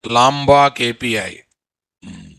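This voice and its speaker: A software instructor, middle-aged and Telugu-accented, talks through an informal online class on a video call from inside a room. His medium-pitched voice is slow, sharp and resonant, captured clearly with no room sound. He's blunt, repeats himself and keeps asking rhetorical questions.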